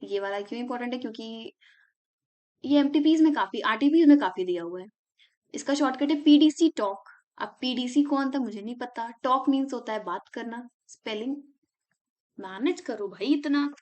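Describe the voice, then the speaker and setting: A woman's voice: on the high side, normal speed, darkish tone. A young woman tutor giving a casual exam revision lesson, chatty, walking through mnemonics step by step with English terms in Indian English. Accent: Indian English words mixed into Hindi.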